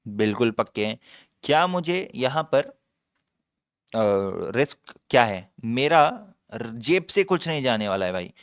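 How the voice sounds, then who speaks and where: A man's voice: mid-range voice, clear, resonant tone, dry recording, clean studio sound. A young man giving live trading commentary as a channel host, talking in an emphatic, repetitive way and calling the viewer brother. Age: young adult.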